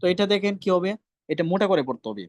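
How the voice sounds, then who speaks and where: A man with a high, sing-song voice speaks very fast in a dry recording with no room sound. He teaches Quran recitation in an online pronunciation class, drilling letter sounds again and again and sternly scolding students who talk over him.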